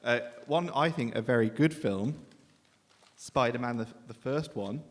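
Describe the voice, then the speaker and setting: Between acts at an indoor literary event, a male host makes casual, joking announcements that poke fun at himself, speaking a little slowly in a mid-range voice. The hall is echoey and reverberant, and background noise is clearly audible.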